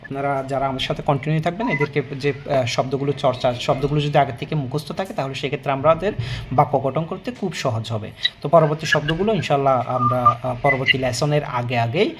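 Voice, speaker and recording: A man's voice: mid-range voice, a little fast, a little hiss or hum. A man teaching an online language lesson, explaining patiently with fillers and restarts and often checking in with listeners. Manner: explanatory, repeats words, many fillers and restarts.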